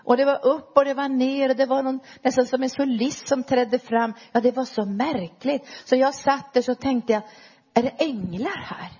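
A middle-aged woman preacher telling her conversion story in an earnest, storytelling way, dropping low and soft at key moments. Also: fairly even intonation, breathy edge, muffled recording. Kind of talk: personal testimony sermon.

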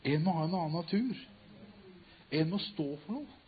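A man preaching and retelling a story, swinging from loud emphatic cries to hushed, quiet tones. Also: fairly high pitch, lively intonation. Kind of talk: sermon storytelling. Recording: tinny phone-like sound.

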